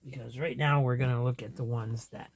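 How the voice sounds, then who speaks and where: A man's voice: mid-range voice, fairly even intonation, a little fast, vocal fry. A man in casual chat as a comic collector vlogger, rambling, trailing off and chuckling to himself as he goes.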